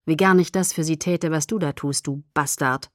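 A woman's voice: low-pitched, no room sound, studio quality, close to an everyday voice. Woman doing a cold, brooding vampire boy murmuring. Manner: slow, quiet, menacing murmur. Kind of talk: audiobook character voice.

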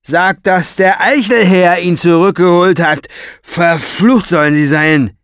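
A man voicing a scheming, vain, gloating male villain in a storybook reading, with a velvety voice and a mocking, drawn-out, theatrical delivery. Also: sits high, fairly bright tone, clean tone, dry recording, clean studio sound, pitched above the performer's own voice, heavily acted.

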